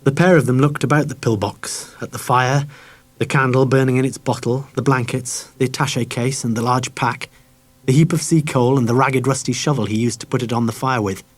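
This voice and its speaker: A man's voice: mid-range voice, fairly even intonation, brisk. Man reading a children's novel aloud. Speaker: audiobook reader. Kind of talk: scripted narration of a children's novel.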